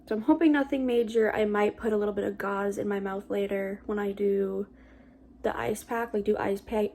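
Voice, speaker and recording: A woman's voice: mid-range voice, gravelly, a little mellow, slight background noise. A young adult woman giving a casual vlog update in an informal, rambling and hesitant way. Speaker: vlogger.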